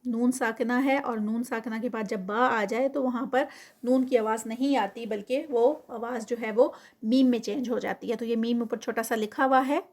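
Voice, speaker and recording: A woman giving a tajweed lesson, explaining recitation rules briskly and mixing in English terms, then reciting words slowly and drawn out. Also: fairly high pitch, steady tone, darkish tone. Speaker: Quran recitation teacher.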